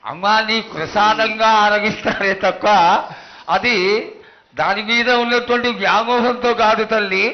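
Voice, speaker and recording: A man's voice: high-pitched, steady tone, moderate pace. A man acting as ritual attendant, addressing a goddess in devotional supplication with emphatic, broken-up phrases. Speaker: ritual attendant questioning the oracle. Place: live temple festival ritual. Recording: dull lo-fi live broadcast sound.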